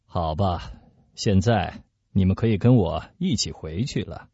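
A man voicing a cold, powerful male cardinal in radio storytelling, measured and dismissive. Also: low-pitched, animated, mellow, slightly rough, dry recording, heavily acted. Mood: commanding. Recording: dull lo-fi recording.

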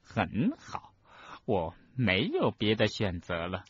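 A man voicing a cruel middle-aged witch official in an audiobook, speaking slowly, softly and with menace in a husky voice. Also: mid-range voice, wildly swooping pitch, dry recording, dull audio, voice pushed up, heavily acted. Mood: cold resolve. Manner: slow, soft and menacing. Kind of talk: audiobook character reading.

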